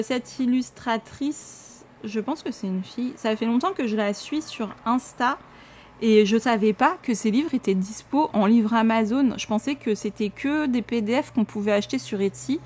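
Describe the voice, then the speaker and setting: A young woman from France chatting casually to camera in a vlog, animated and full of fillers. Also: a little high, a little hiss or hum. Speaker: vlogger. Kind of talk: casual unboxing chat to camera.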